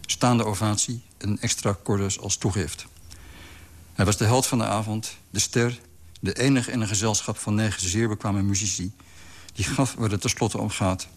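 A narrator with a fairly low-pitched voice reads a scripted literary story aloud, calm and measured.

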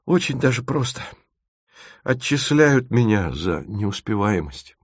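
A man's voice: mid-range voice, big pitch swings, slow, slightly rough, dry recording, clean studio sound, heavily acted. A man voicing a gloomy, self-pitying young male student who speaks bitterly and with sighs. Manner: sighing, bitter, philosophical.

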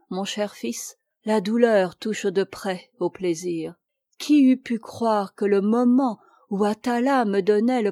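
A woman reading a classic novel aloud as an audiobook, in a measured, expressive way. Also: mid-range voice, no echo, studio quality. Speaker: audiobook reader.

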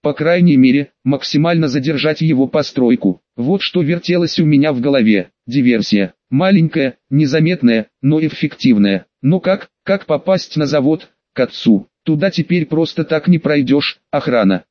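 A man reading a first-person audiobook in a steady, even storytelling manner. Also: on the high side, normal speed, few pauses, no echo, highs cut off. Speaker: audiobook narrator.

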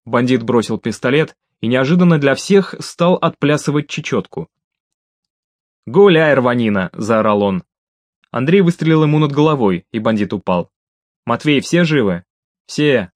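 A man's voice: animated, moderate pace, dry recording. Man reading an audiobook, dry close sound. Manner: raises pitch and volume for shouted dialogue. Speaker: audiobook narrator. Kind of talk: audiobook reading with voiced dialogue.

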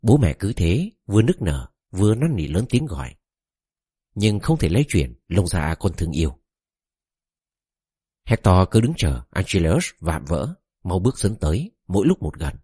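Man narrating an epic, solemn measured reading, deep husky voice, dry close sound. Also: sing-song, warm tone, no room sound.

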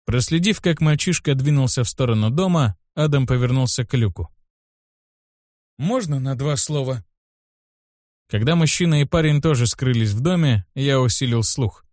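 A man narrating a first-person story in an even, measured reading voice. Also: mid-range voice, no room sound, studio quality. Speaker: audiobook narrator.

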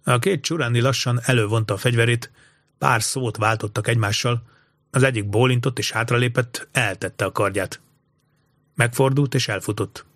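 A man narrating an audiobook story in an even, measured way. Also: mid-range voice, no room sound, studio quality.

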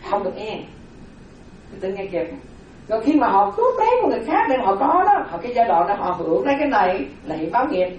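A woman's voice: a little high, big pitch swings, rapid-fire, a little mellow, dull audio, a little hiss or hum. Woman giving a Dharma talk in an echoing hall. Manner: repetitive, explanatory, rhetorical questions. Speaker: Buddhist Dharma teacher. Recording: very echoey hall from far off.

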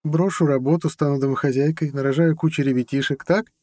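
A man's voice: on the high side, brisk, warm tone, no echo, studio quality, voice pushed up, lightly acted. A man voicing a teasing young woman. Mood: playful. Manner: light, teasing, giggly speech. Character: playful teasing young woman, the narrator's girlfriend.

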